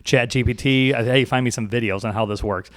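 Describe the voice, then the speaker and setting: A man's voice: medium pitch, steady tone, brisk, a bit bright, no room sound. Male podcast co-host, casual and rambling, repeats himself mid-thought; dry, close recording. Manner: rambling, repeats words as he thinks aloud.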